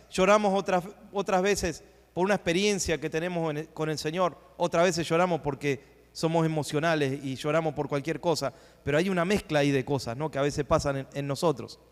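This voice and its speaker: A man pastor preaching a sermon, rising into emphatic swells and dropping into hushed asides. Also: on the high side. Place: church sanctuary. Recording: long church hall reverb.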